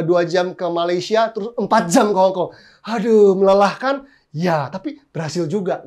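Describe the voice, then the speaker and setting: A man in his thirties, a pastor, preaching a sermon through lively, humorous personal stories full of exclamations. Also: high-pitched.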